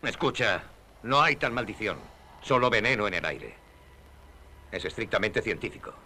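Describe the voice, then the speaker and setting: An actor playing a commanding, scornful leader of tomb robbers in a dubbed horror film. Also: male voice, on the low side, expressive, moderate pace, heavily acted. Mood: dismissive, firm. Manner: commanding, dismissive, forceful. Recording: old film soundtrack, faint noise.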